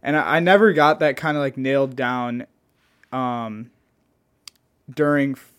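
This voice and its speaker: A man's voice: medium pitch, unhurried, a bit bright, smooth. A young adult man co-hosting a casual podcast, chatting in a garage. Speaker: podcast co-host.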